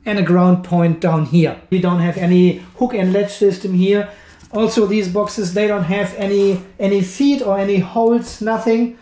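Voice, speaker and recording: In an echoey indoor room, probably a garage or workshop, a man with a high, warm voice speaks at a normal pace in a flat manner. Slight background noise is present. He casually unboxes and reviews a product for his video, talking loosely and musing as he handles it.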